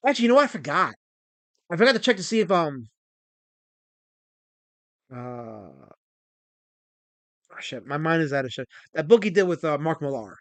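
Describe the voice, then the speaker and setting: A man in his forties hosting a casual livestream, excitable and rambling as he reads chat messages aloud. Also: on the high side, moderate pace, long pauses, no room sound. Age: 40s. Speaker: livestream host.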